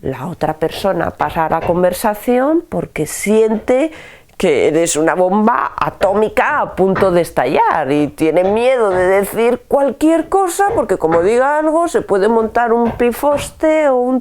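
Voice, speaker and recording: A woman teaching a spoken self-help lesson, expressive, dropping to soft whispers and rising sharply for emphasis. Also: mid-range voice.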